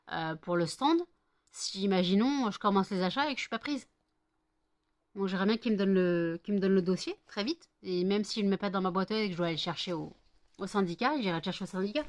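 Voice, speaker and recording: A middle-aged woman from France chatting casually in a home vlog, rambling with many fillers and cooing baby talk to her dogs. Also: mid-range voice. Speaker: vlogger.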